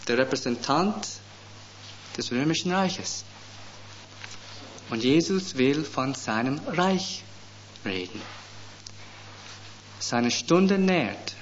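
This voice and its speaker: A middle-aged man preaching a sermon, slow and deliberate, pushing up hard on key words. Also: mid-range voice. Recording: dull lo-fi sound with faint background noise.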